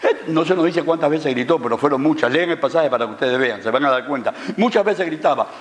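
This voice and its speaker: A man's voice: a little high, expressive, fast. A man preaching a sermon, telling the story and asking the congregation questions. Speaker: pastor. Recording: reverberant church hall.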